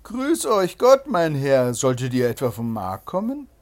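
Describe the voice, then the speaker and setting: A reader voicing a male swindler who fakes pity for his victim, speaking high and loud in a breathy voice. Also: sing-song, moderate pace. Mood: mock concern.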